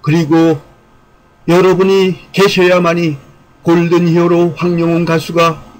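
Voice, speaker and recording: Here a commentator who hosts an online channel reads from a prepared script in a somewhat high male voice. The formal, earnest style feels like a recited essay, urging the audience on with an occasional repeated phrase, delivered flatly at a measured pace over poor audio.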